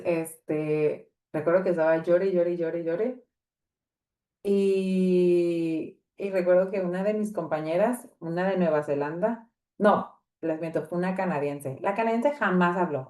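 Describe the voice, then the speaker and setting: A woman tells a personal faith story in a low, mellow voice, acting out each exchange and filling her pauses freely. The recording has a roomy echo around her. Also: distant mic. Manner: animated storytelling, acting out dialogue, frequent fillers. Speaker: women's ministry speaker.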